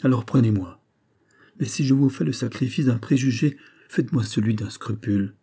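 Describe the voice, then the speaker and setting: A man's voice: medium pitch, moderate pace, vocal fry, mellow, breathy edge. A man voicing a proud, passionate noblewoman in an audiobook of a classic novel, pleading and insistent.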